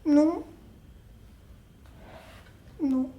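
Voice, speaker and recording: A man's voice: extremely high pitch, very slow, lo-fi sound, voice pushed up, full character voice. A young man playing a young woman lover who turns aside questions with short, hesitant denials. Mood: tearful. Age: young adult. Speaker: student actor. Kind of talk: solo stage reading of a play. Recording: roomy echo.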